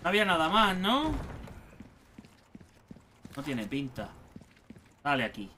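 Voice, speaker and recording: Excitable high-voiced man from Spain. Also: slow, noisy background. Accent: Spain Spanish. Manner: exclamatory, chatty, talks to himself. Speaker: gaming YouTuber. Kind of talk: let's play commentary.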